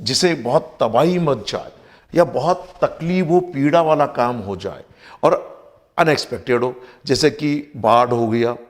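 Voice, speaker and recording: An Indian man teaches vocabulary, unhurried and careful. He spells words out letter by letter and slides English terms into his Hindi explanations. His voice sits at an ordinary middle pitch. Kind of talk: recorded vocabulary lesson.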